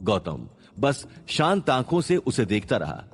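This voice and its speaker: A man's voice: mid-range voice, huge pitch swings, measured pace, husky. A man narrating a suspense story in a dramatic style.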